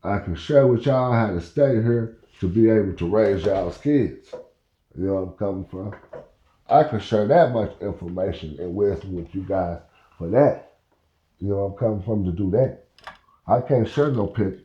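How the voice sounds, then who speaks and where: Here the Oklahoma man in his fifties sits on the low side, mellow but animated, talking at normal speed as he hosts his podcast. His loose, meandering story keeps circling back to "you know where I'm coming from." Audio is muffled and reverberant.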